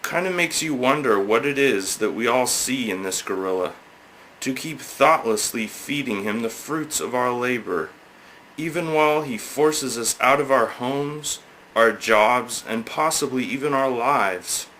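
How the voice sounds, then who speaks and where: A man's voice: mid-range voice, expressive, unhurried, sharp tone, a little hiss or hum, poor audio. A man giving a hammy, theatrical dramatic reading of a scripted satirical essay, leaning on words for emphasis.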